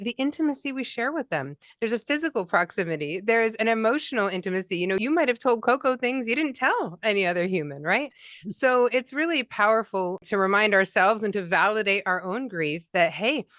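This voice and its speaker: Woman guest, grief counselor, gentle and validating, smooth clear voice, dry close sound. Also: mid-range voice, no room sound. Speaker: pet loss grief counselor. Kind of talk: interview guest.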